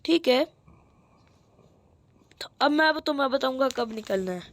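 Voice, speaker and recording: A woman's voice: high voice, expressive, unhurried. A woman voicing a crew of superheroes and villains in a fan cartoon, with a playful, dramatic delivery.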